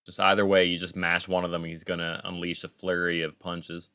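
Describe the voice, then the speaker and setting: A man's voice: sits low, completely flat delivery, fairly quick, pushed and bright, no echo, clean studio sound. A man co-hosting a casual gaming podcast, laid-back and full of "like" and "dude". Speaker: podcast co-host.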